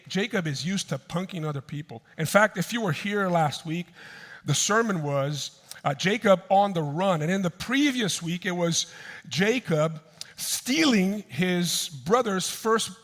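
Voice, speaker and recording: A male pastor preaching a sermon, telling a story in an animated way and breaking into raised, panicked voices for the people in it. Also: fairly high pitch, big-room sound. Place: church sanctuary.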